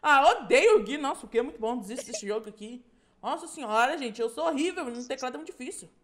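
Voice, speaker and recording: A male gaming channel host chatting casually with friends while playing, excitable and quick to shriek in protest. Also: extremely high pitch. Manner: excitable, shrieks repeated protests when losing.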